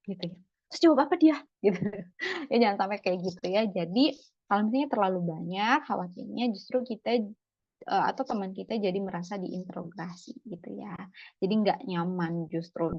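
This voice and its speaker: A woman's voice: mid-range voice, creaky, darkish tone, dry recording. A woman clinical psychologist giving a casual talk, chatty, often tagging phrases with "gitu ya" and acting out short examples. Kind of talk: casual lecture with acted examples. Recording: dull lo-fi sound, dry.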